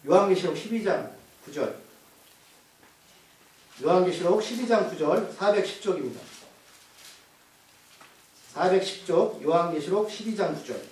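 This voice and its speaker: A man's voice: sits high, animated, moderate pace, pauses often, darkish tone. A male pastor preaching a sermon, asking the congregation questions and answering them himself. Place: church. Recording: echoey church hall from far off.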